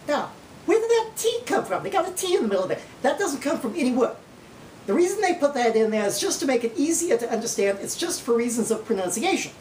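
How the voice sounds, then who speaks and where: A woman putting on a proud, folksy Oklahoma woman who lectures in an emphatic, drawn-out Okie accent. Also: very animated, a little mellow. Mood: proud, explanatory. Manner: slow drawn-out drawl, emphatic. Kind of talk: mock lecture on dialect. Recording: roomy, distant mic, faint rumbling noise.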